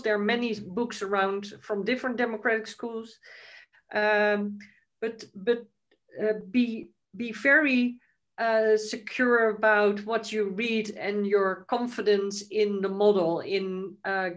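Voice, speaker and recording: A woman from the Netherlands answering a question on a video call, hesitant, with many restarts. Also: medium pitch.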